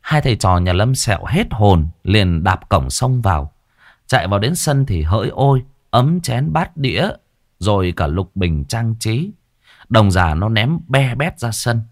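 Deep-voiced man telling a ghost story. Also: a little slow, dry recording, studio quality. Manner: lively, dramatic storytelling.

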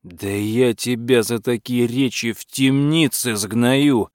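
A man's voice: mid-range voice, steady tone, slow pace, darkish tone, no echo, clean studio sound, close to an everyday voice. A man voicing a grumpy, hot-tempered old tsar who grumbles and roars. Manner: grumbling, bellowing.

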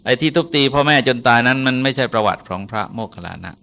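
Bright-voiced monk telling a sermon story. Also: male voice, medium pitch, quick pace. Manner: relaxed, conversational, polite particles, frequent hesitations. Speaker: Buddhist monk.

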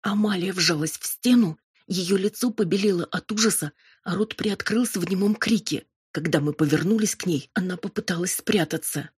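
Steady woman audiobook narrator, low and husky, dry recording. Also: moderate pace, no room sound. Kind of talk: scripted first-person narration.

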